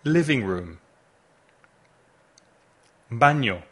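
A man teaches a podcast language lesson at a very slow, careful pace. His pitch moves lively up and down as he patiently asks the listener to repeat each word. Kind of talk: slow, deliberate English lesson with drills.

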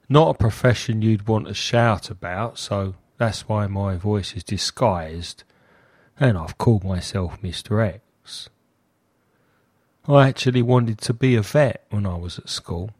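A man speaking through a disguised deep voice, telling his story anonymously in a slow, guarded confessional monologue. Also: a little mellow, no room sound, clean studio sound.

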